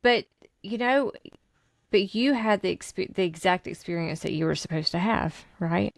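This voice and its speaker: A woman's voice: medium pitch, normal speed, vocal fry, no room sound. A woman hosting a podcast, asking questions and backing the guest with frequent agreement. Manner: supportive, many mm-hmms. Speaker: podcast host. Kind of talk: casual podcast interview.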